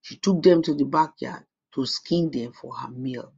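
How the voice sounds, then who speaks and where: A storyteller narrates a folk tale at a steady, measured pace. The voice is husky with a gravelly fry. The recording sounds dull and lo-fi. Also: medium pitch.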